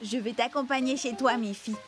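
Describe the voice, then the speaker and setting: A woman voicing a kind, helpful young girl friend in a storybook cartoon, with a gentle friendly lilt. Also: fairly high pitch, a little fast, lightly acted.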